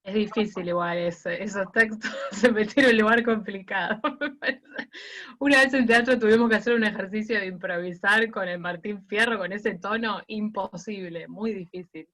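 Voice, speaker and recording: A woman's voice: mid-range voice, normal speed, fairly bright tone. A woman with an Argentine accent, a student speaking up casually in an online class discussion. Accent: Argentine Spanish. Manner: casual, hedging, laughs while talking. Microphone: video call. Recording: dull lo-fi call audio.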